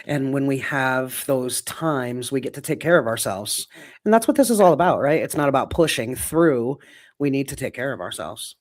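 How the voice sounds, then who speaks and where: A man in his fifties co-hosting a casual podcast, speaking reflectively and often pausing on "um" and "you know". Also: medium pitch, animated. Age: 50s. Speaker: podcast co-host.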